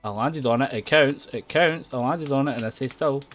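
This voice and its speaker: A young man narrating his own gameplay, quick to frustration and laughter, at a desk mic near his keyboard. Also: mid-range voice, soft background music. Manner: excitable, frustrated outbursts and laughing. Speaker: gaming YouTuber. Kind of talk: let's play commentary. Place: home room at a computer.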